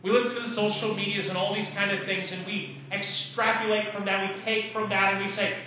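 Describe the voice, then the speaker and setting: A man with a fairly high voice preaches emphatically, piling up rhetorical questions. His pastor's sermon rings through a very echoey church hall. The mic sits far from him and the sound is dull. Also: little pitch movement, brisk, a little hiss or hum.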